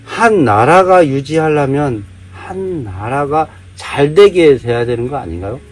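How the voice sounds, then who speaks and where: A man's voice: a little high, lively intonation, a little slow. A man from Jeolla giving a heated monologue, firing off rhetorical questions. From Jeolla, South Korea. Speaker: vlogger. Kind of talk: casual monologue, day-drinking rant.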